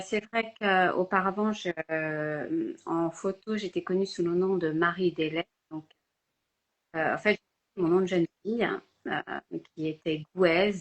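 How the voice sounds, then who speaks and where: An older woman from France, speaking hesitantly with many fillers as a guest in a casual live video-call interview. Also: lowish voice. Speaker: guest photographer.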